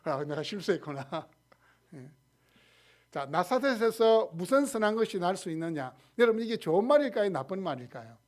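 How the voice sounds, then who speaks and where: A man preaching a Sunday sermon as pastor, asking the congregation questions and acting out quotes, with loud stresses and quiet trailing phrases. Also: high-pitched, sing-song, moderate pace. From South Korea.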